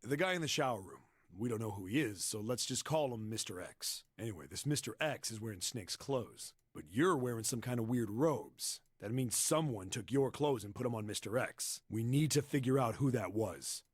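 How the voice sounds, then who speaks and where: A man's voice: mid-range voice, lively intonation, normal speed, hardly any pauses, breathy edge, dry recording, clean studio sound. A man voicing a blunt, plainspoken tough guy in a video game.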